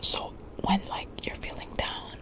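A woman in her twenties doing laid-back, rambling ASMR chat in a breathy whisper, close to the mic, softly repeating her phrases. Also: measured pace. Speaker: ASMR creator. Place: small bedroom, lying in bed. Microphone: desk condenser microphone very close to the mouth.

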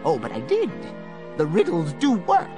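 A man's voice: a little high, huge pitch swings, moderate pace. An actor playing a gleeful, taunting male supervillain in an audio drama, theatrical and gloating, full of puns. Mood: smug, scheming. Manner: theatrical, gloating, punning, cackling. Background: dramatic music.

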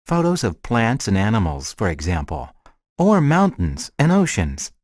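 A man's voice: fairly low pitch, wildly swooping pitch, unhurried, darkish tone, dry recording, full character voice. A man acting a friendly character in a scripted language lesson dialogue, with careful short sentences. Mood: friendly, measured. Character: friendly man chatting about a shared hobby.

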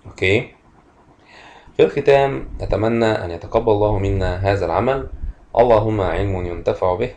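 A low-pitched man teaches a primary-school English lesson in Egyptian Arabic. He reads each English sentence slowly and carefully. Then he translates it and explains it in a patient classroom way. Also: a little mellow.

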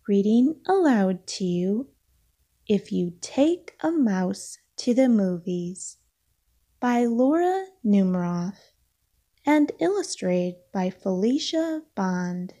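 A woman with a mid-range voice reads a children's storybook aloud, shaping her phrasing deliberately and expressively for young listeners.

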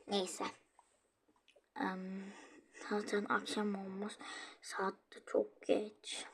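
A woman narrating a casual toy role-play, musing softly to herself in a half-whisper. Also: mid-range voice, monotone, slow pace, creaky, slightly rough.

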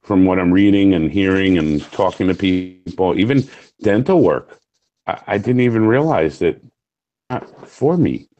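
A middle-aged firefighter from Orange County, New York, joins a video call as a guest through an earphone headset, jokey, candid, and quick to laugh. His voice is low, dark, animated, and a little slow, and the audio sounds dull.

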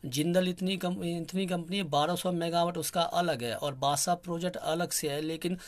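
Young guy, soft quiet voice, a bit high, lots of "uh" pauses, earnest complaining tone. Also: fairly even intonation. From Kinnaur, Himachal Pradesh, India. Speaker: local activist speaking on a channel. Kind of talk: spoken public appeal.

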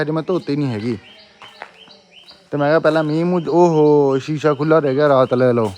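A chatty Punjabi-accented man vlogging outdoors with a handheld phone camera, talking straight to his viewers. His voice sits high for a man. Faint street noise runs behind him. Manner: chatty, talks straight to viewers while walking and driving. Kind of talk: casual vlog chat.

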